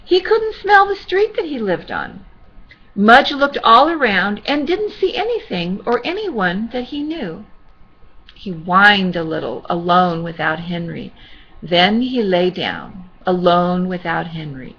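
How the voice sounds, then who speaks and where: A sweet, gentle older woman, a grandmother reading a children's storybook aloud with reassuring, chatty asides to a child. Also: mid-range voice, big pitch swings, a little slow, slightly rough, lo-fi sound.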